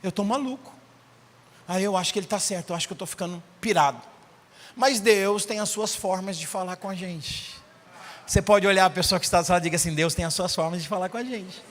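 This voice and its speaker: Brazilian male pastor, high voice, lively storyteller, long church hall reverb. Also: fast talker. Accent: Brazilian Portuguese. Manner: animated, acts out dialogue. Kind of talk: storytelling sermon.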